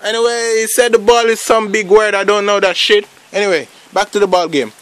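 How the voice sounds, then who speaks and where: A man giving casual, slangy play-by-play commentary on a pickup football game, rambling between plays and shouting at the big moments. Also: sits high, steady tone, a little fast, clear, resonant tone. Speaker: amateur commentator.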